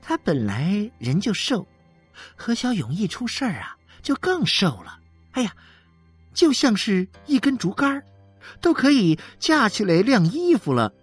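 A woman's voice: mid-range voice, sing-song, measured pace, breathy edge, soft background music. A woman voicing a smug, chatty wife who gloats and scatters sighing fillers through her talk. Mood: gossipy. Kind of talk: dramatic reading.

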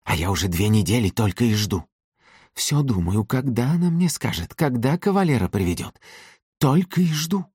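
A man reading an audiobook, voicing a fierce old working-class mother who shouts and scolds. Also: mid-range voice, lively intonation, normal speed, husky, no room sound, clean studio sound, pitched above the performer's own voice. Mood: furious.

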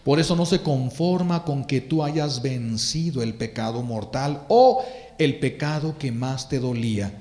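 Fervent priest preaching. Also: male voice, medium pitch, measured pace, a little mellow, echoey room. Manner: fervent, repeats phrases for emphasis. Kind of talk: sermon.

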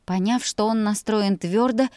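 A woman's voice: medium pitch, a little slow, darkish tone, no room sound. Woman reading a story, dry close sound. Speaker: audiobook narrator. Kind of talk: first-person storybook narration.

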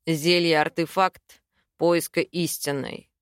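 A woman voicing a stern young man who is a dragon shifter, speaking low, weary and firm. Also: big pitch swings, moderate pace, gravelly, dry recording, studio quality, exaggerated voice.

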